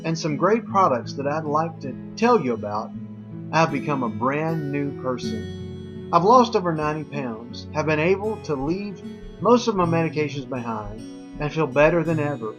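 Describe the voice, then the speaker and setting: A man's voice: a little high, very animated, moderate pace, over music. A man presenting a scripted infomercial as a wellness coach, speaking directly to viewers in an earnest, folksy way with a personal testimonial tone.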